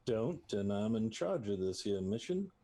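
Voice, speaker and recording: A man's voice: on the low side, big pitch swings, a little slow, a crowd in the background. A man chatting casually as a player in a tabletop game.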